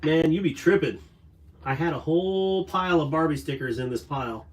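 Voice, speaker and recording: A man's voice: on the high side, fairly quick. A man hosting a casual livestream, rambling to his chat while sorting stickers and gear at a cluttered workspace. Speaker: livestream host. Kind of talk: casual live-stream chat.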